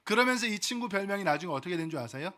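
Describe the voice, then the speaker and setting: A man's voice: high voice, lively intonation, very fast, sharp tone. A male pastor preaching a sermon, telling a story and asking the congregation questions.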